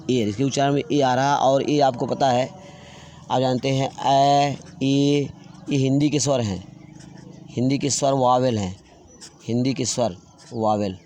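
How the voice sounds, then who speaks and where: A man's voice: mid-range voice, darkish tone, a little hiss or hum. Man teaching, spelling words aloud. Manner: slow, repetitive, spelling words out letter by letter. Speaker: English grammar teacher. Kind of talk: classroom grammar lesson.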